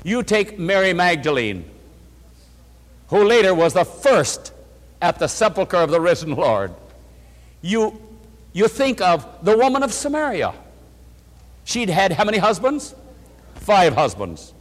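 A man's voice: high voice, big pitch swings, a little slow, long pauses, in a large hall. A male preacher giving an emphatic sermon, calling his listeners friends and leading them through verses together.

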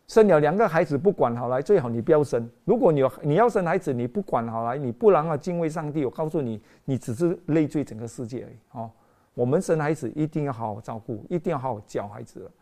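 A woman with a low-sitting voice preaches a sermon in an animated, storytelling style. She acts out different voices and drops English phrases into her speech.

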